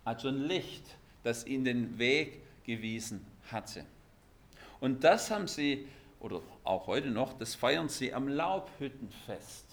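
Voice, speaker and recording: Lively preacher man. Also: mid-range voice, measured pace. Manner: lively, emphatic, shifts between loud stresses and quiet asides. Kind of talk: sermon.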